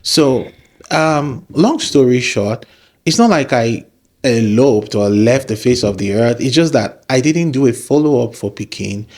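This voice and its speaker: A Nigerian man, a musician and the guest in an interview, telling the story of his career in a relaxed, animated way. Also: mid-range voice, a little slow. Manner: animated storyteller, acts out quoted voices.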